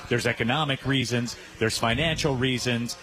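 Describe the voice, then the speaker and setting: A man's voice: mid-range voice, normal speed, fairly bright tone, rough recording. A man hosting a sports radio show live from a pub, upbeat, plugging sponsors and asking about the schedule. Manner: upbeat, plugs sponsors, fills with "uh". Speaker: radio host. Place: pub during a live broadcast.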